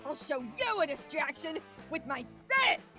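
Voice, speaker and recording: A woman's voice: sits high, big pitch swings, measured pace, over loud music. A woman voicing a hot-headed, threatening young camper girl during a game stream. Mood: brash. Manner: brash, shouty, threatening.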